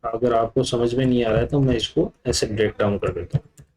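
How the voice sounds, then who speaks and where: A man's voice: medium pitch, steady tone, fairly quick, a little mellow, slight background noise, low-quality recording. A man teaching a computer class, explaining step by step while he types, with frequent fillers. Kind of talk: live coding lesson.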